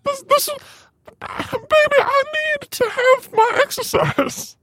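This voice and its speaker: A performer voicing a shameless, scheming old mother through a formant-shifted, pitched-up chipmunk voice, talking in a rambling, unbothered way. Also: slow, bright, forceful tone, slight background noise, exaggerated voice. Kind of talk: improvised comedy sketch.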